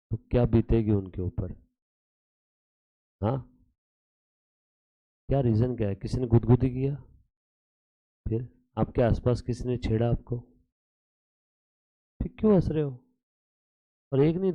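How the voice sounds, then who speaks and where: Teaching accounts to a live class, a man with a slight tinge blends Hindi and English, keeps firing questions at students, and teases them with mock scolding. His voice is medium-pitched, recorded with no room sound and the highs cut off.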